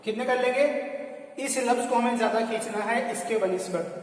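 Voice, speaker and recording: High-voiced man teaching letters in an echoey hall. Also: far from the mic, a little hiss or hum. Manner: patient, repeats each letter slowly for learners to copy. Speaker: Islamic teacher. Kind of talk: Quran reading lesson.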